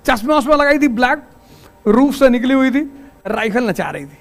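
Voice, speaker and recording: High-voiced male teacher lecturing a class. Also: animated, normal speed. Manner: storytelling, wry, with rhetorical questions; firm, laying down rules.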